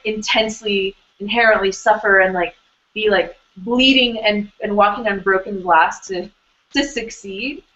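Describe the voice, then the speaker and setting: A woman's voice: medium pitch, a bit bright. A woman hosts an online hangout in an easy, conversational way, circling back through fillers and restarts as she talks. Her voice sits in a middle range. The sound is dull and lo-fi, like audio from a web call. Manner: chatty, rambling with many fillers and restarts. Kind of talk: casual conversational interview.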